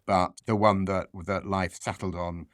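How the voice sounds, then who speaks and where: A man speaking as an expert professor, explaining science conversationally in a measured way and repeating phrases for emphasis. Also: low-pitched, flat delivery, fairly bright tone, no room sound, studio quality.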